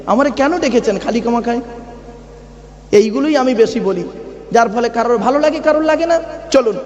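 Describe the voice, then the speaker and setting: Male preacher, very high voice, long reverb, chants verses and quizzes the crowd. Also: muffled recording. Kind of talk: sermon. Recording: long echoey reverb of a large venue.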